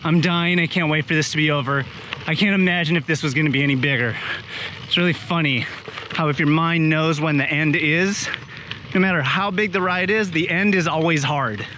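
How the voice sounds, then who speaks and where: A man's voice: fairly high pitch, a little fast, pushed and bright, a little hiss or hum. A man in his thirties talking casually to camera while cycling outdoors, wry and a little breathless. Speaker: vlogger. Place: outdoors on a forest gravel road. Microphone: action camera on the bike.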